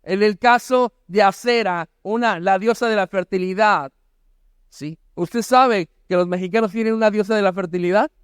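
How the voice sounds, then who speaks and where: A middle-aged male pastor preaching a sermon, emphatic, with rhetorical questions and bursts of shouted exhortation. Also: high voice, normal speed, clean tone, no echo, studio quality.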